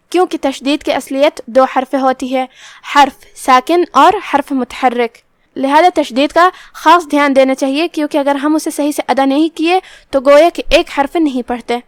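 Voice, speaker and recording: A woman with a high-pitched voice leads a tajweed lesson, explaining pronunciation rules one word at a time. She recites the verses slowly, drawing out each sound. The recording is dry and close. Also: dry recording. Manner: slow, drawn-out recitation between steady explanations. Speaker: Quran recitation teacher.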